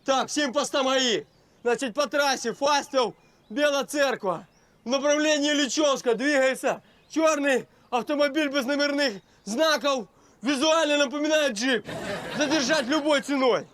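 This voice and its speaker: An actor playing a jumpy, superstitious highway cop who shouts in a panic and slips Russian words into Ukrainian, in a comedy sketch. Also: male voice, moderate pace, no echo. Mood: commanding. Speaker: traffic police officer.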